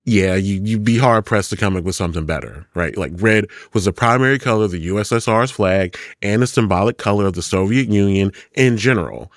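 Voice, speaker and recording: A man co-hosting a scripted podcast, explaining things with dry, deadpan retorts. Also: on the low side, a little fast, hardly any pauses, dry recording. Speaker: podcast co-host.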